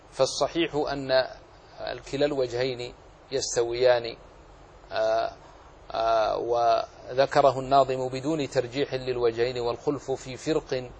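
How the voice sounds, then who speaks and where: Man, religious teacher, explanatory lecture, rephrases quoted verses, asks and answers his own questions, mid pitch. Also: a little mellow, a little hiss or hum. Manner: poses questions and answers them himself. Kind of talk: explanatory lecture on Quran recitation rules.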